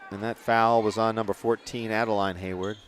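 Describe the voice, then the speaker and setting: A man doing play-by-play for a local school basketball game from a press box, chatty and quick to correct himself. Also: on the low side, little pitch movement, slight background noise. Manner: chatty, rambling asides, self-corrections. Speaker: play-by-play commentator. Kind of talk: local sports commentary.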